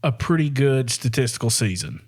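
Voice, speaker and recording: A man's voice: mid-range voice, big pitch swings, moderate pace, breathy edge. A young man, co-hosting a podcast in casual, rambling chat and laughing often. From American South. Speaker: podcast co-host.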